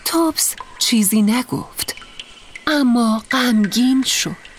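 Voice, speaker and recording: A woman's voice: on the high side, a little hiss or hum. Woman narrating a children's storybook. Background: background music.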